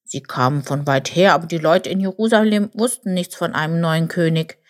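A woman voicing a grumpy old male buffalo who mutters and grumbles slowly. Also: on the low side, natural voice. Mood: grumbly.

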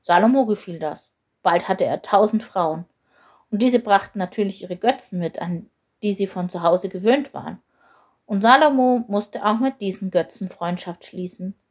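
A woman's voice: medium pitch, moderate pace, darkish tone. Woman reading a children's Bible story. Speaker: narrator.

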